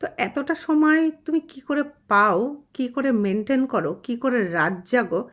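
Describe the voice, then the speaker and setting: A woman's voice: fairly high pitch, sing-song, moderate pace, a bit bright. A woman astrologer hosting her own channel, earnestly admonishing someone she calls mother in a direct-address vlog.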